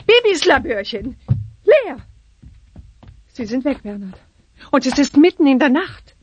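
A woman's voice: high voice, very animated, measured pace, a little mellow, muffled recording, a little hiss or hum. A middle-aged woman voicing an anxious, bossy witch mother in a children's radio play. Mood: worried. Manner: fretful and bossy, chants spells.

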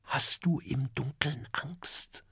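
A man voicing a little boy dragon in a hushed whisper, a whispered role-play in a children's audiobook. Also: medium pitch, slow, breathy edge, no echo, full character voice.

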